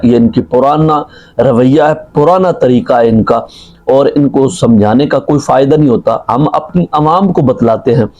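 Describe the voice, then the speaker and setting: A man, a mufti, giving a measured religious rebuttal, citing books and reciting Arabic. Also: mid-range voice, dark tone, muffled recording.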